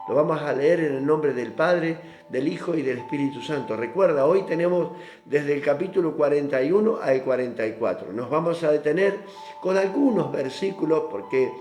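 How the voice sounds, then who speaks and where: Man preaching a bible devotion, kinda high voice, slow drawn-out reading, faint music behind. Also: darkish tone. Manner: reads scripture slowly, drawn out, with emphatic asides to the brethren. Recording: roomy echo with faint instrumental music. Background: faint instrumental music.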